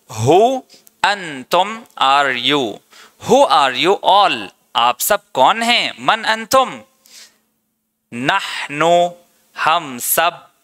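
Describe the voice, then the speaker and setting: A man with an Indian accent teaching spoken Arabic, slowly translating and repeating each word. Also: high voice, bright, forceful tone. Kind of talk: spoken language lesson.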